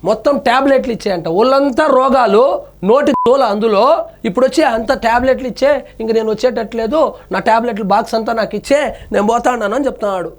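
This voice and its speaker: High-pitched guy, rattles off sneering commentary over video. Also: quick pace. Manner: sarcastic and scornful, mimics the people he talks about. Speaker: news channel commentator.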